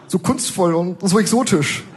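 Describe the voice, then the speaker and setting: A man voicing a sentimental middle-aged woman who gushes in a high, syrupy voice. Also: expressive, fairly quick. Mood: gushing. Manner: gushing, syrupy.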